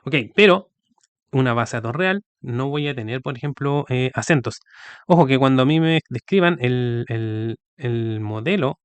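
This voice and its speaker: Clear-voiced man teaching. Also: medium pitch, dry recording. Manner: explains step by step with frequent rhetorical checks. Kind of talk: recorded video lecture.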